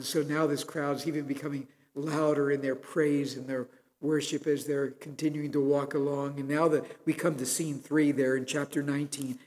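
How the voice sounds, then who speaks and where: A man delivering a sermon from the pulpit, earnest and storytelling, swelling into emphatic pleas. His voice sits a little high for a man. The sound rings with the long reverb of a big church sanctuary. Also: a little mellow. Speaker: pastor.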